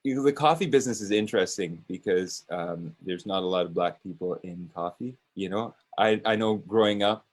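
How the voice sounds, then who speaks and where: A man's voice: sits low, a little fast, hardly any pauses. A man speaking as a business owner and guest on a panel discussion, hesitant and full of restarts. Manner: hesitant, with many restarts and fillers.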